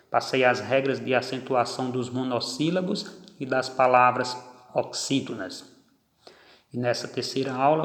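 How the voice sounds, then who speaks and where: A man teaching a grammar lesson, explaining step by step and counting out syllables one by one. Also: mid-range voice. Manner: slow, deliberate, spells out syllables. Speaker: Portuguese teacher. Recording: echoey room with long reverb.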